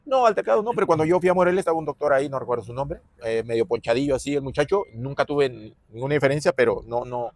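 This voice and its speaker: A man's voice: medium pitch, expressive, dry recording. Middle-aged Mexican man, reflective, dry sound. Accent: Mexican Spanish. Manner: reflective, pauses with fillers, stresses points. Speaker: former footballer and coach, interview guest. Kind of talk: casual interview conversation.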